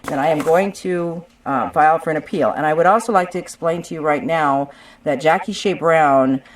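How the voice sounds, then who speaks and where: A woman with a low voice argues insistently and combatively on a conference call, acting as a claimant in her own legal dispute. She speaks at normal speed, sitting some distance from the mic, and the recording is rough.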